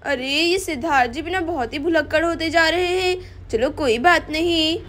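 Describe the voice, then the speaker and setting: Figure: chatty, bossy young housewife played by a woman. Pitch: very high. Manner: talks to herself, scolds. Style: doll-play storytelling. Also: moderate pace, fairly bright tone. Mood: scolding.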